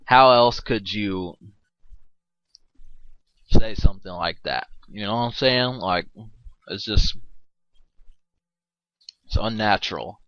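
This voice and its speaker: A man's voice: lowish voice, takes it slowly, long pauses, a bit bright, no room sound. A man giving casual, rambling movie commentary, full of fillers and jokes. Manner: rambling, filler-heavy, joking with frequent laughs. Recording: dull, dry lo-fi mic.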